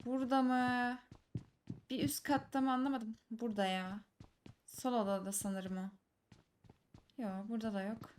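A woman giving live commentary over her own mobile shooter match, teasing enemy players and breaking into excited shouts. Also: a little high, moderate pace, long pauses, a little hiss or hum. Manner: teasing, talks to enemies, bursts of excited shouts. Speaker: gaming streamer. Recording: loud gunfire game audio behind. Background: game gunfire and clicks.

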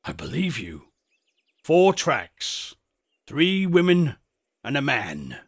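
A man's voice: fairly high pitch, huge pitch swings, slow pace, breathy edge, full character voice. A man voicing a superstitious old shepherd in a storybook, with a rustic English country dialect and a grave, folksy, emphatic way of warning.

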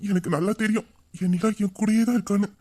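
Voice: mid-range voice, fairly even intonation, fast, a little mellow, lightly acted. Someone voicing a tender, longing young husband. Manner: emotional, intimate, endearing. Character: young husband missing his wife, tender and brooding. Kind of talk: audio drama acting.

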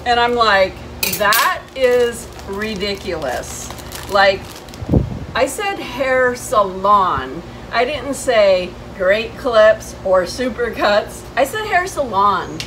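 This woman in her fifties vlogs to camera from a covered porch outside a house, with the camera a few steps off and plenty of noisy outdoor ambience. Her slightly high voice is animated and slow-paced. Sounding indignant and emphatic, she retells exchanges as she shares a personal story in a casual way.

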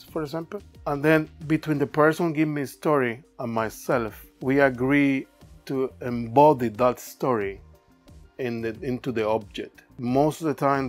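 Speaking at a medium pitch, a man from Cuba considers his artwork from a cluttered indoor studio workshop. His first language is Spanish, which shows in his Cuban accent and hesitant, non-native grammar, though his reflections stay thoughtful.

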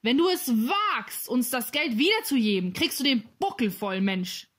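Bossy teasing street kid, high voice, storybook, woman putting him on. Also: very animated, normal speed, husky, heavily acted. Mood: gruff. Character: brash Berlin street boy, cheeky leader.

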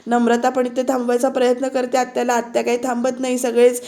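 A woman's voice: fairly high pitch, monotone, fast, dark tone. A woman narrating a voice-over recap of a TV serial episode, chatting directly to her viewers. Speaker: TV serial reviewer.

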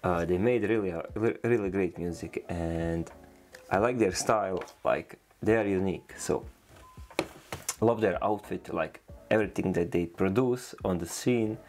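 Low gravelly man reacting casually. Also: unhurried, a little mellow. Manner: loose, rambling, enthusiastic, with many fillers. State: tired, yawning. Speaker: reaction video host. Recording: faint music playing behind.

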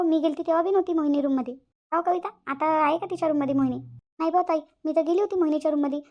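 Cartoon role: a woman voicing a high, fast, exclaiming village daughter-in-law. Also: highs cut off, natural voice. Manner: exclaiming, gossipy. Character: chatty young village daughter-in-law, fussing. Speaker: cartoon voice actress. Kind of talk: cartoon family drama dubbing.

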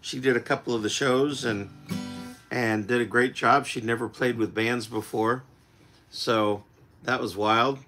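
A loud acoustic guitar fills the mix as a middle-aged country singer, in his forties, chats unhurriedly with viewers on a home livestream from his indoor music room. His steady mid-range voice is still a little rough after losing it, and he rambles easily with lots of fillers.

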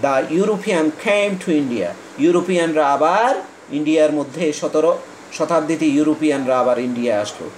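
A man from Bangladesh teaching an English lesson, reading English lines slowly and explaining quickly in Bengali. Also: a little high, slight background noise, low-quality recording.

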